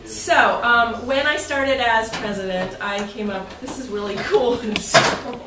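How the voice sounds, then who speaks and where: With a higher-pitched voice and a measured pace, an American woman presides over and hosts her club's meeting, speaking informally and jokily, partly from prepared text and often chuckling. The recording, made in an indoor club meeting room, is echoey and noisy, with a distant mic.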